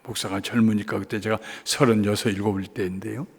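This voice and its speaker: A man in his seventies preaching a revival sermon in a church, telling a story, shifting between hushed asides and rising emphatic appeals. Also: on the low side, level tone, brisk, husky. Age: 70s. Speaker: guest revival preacher, pastor. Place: church sanctuary, evening service. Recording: long church reverb.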